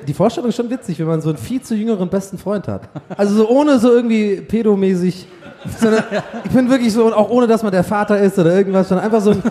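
A man's voice: sits high, dark tone, long reverb tail. A man co-hosting a casual chat, rambling through stories and laughing often. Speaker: podcast co-host.

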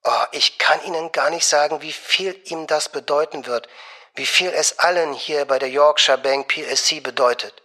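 A man voicing a gushing young female bank secretary, soft and honeyed, sometimes dropping to a whisper. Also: mid-range voice, normal speed.

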